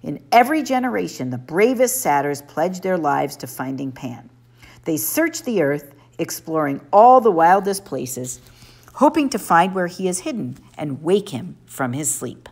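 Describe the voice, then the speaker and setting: A woman's voice: lowish voice, big pitch swings, a little slow, a little mellow, full character voice. A woman voicing an earnest, plaintive young male satyr in an audiobook.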